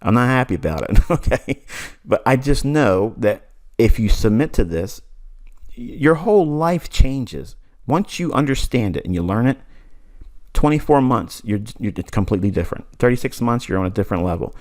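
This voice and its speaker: A man's voice: medium pitch, expressive, normal speed, darkish tone. A man in his forties giving a recorded trading mentorship lesson, blunt and insistent, repeating points and laughing briefly. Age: 40s. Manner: blunt, insistent, lecturing with repetition and short laughs.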